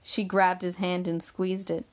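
A woman reading a novel aloud in measured, steady audiobook narration. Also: on the low side.

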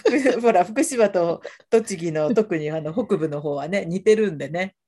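A woman from Tochigi chats on a podcast with a slightly husky voice. Her pitch moves a lot, and she keeps up a stream of little agreeing noises. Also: expressive, normal speed, warm tone. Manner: chatty, frequent backchannel. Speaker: podcast co-host. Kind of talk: casual chat.

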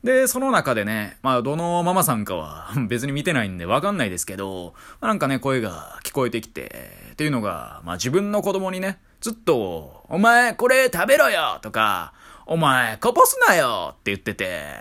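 A man with a Kansai accent tells a casual story to his stream. His pitch swings widely from phrase to phrase. He talks in a wry, chatty way, peppered with fillers. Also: huge pitch swings, brisk, hardly any pauses, a bit bright.

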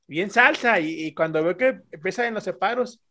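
Mexican guy on a podcast, kinda high voice, tells dirty stories full of slang and does everyone's voices. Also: animated, moderate pace, bright, forceful tone, slight background noise. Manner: crude slangy storytelling, acting out voices of others. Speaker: podcast guest storyteller. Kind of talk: casual podcast chat.

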